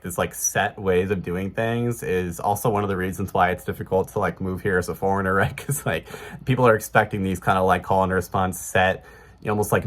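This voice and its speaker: Low-voiced man with a Chicago accent. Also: fairly bright tone. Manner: rambling, many fillers and restarts. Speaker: vlogger. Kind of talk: casual talk to camera.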